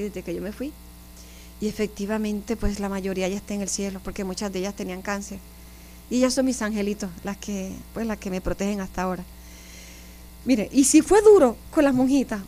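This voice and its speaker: Warm-voiced Puerto Rican nun. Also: female voice, mid-range voice, a little hiss or hum. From Puerto Rico. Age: 50s. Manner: animated storyteller, often addresses listeners directly. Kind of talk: personal testimony in an interview.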